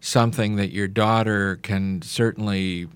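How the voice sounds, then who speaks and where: A man hosting a radio interview, asking friendly, halting questions. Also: on the low side, fairly even intonation, clear, resonant tone, no room sound. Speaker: radio host.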